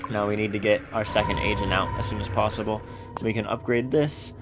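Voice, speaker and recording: A man's voice: fairly low pitch, fairly even intonation, a little fast, noisy background. A man streaming a strategy game, thinking aloud about his moves and reading the game text aloud in a casual way. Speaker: let's play streamer.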